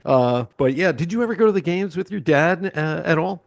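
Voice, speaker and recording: A man's voice: on the high side, expressive, a little fast, creaky, no room sound. A man in his sixties from Pennsylvania hosts a casual interview, rambling with lots of ums and uhs. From Pennsylvania, USA. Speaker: podcast host.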